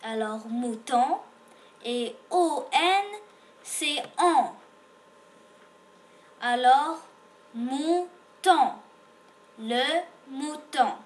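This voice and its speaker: Slow, patient woman teaching reading. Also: high-pitched, animated. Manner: sounds out letters patiently, repeats each word. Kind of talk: slow beginner reading lesson.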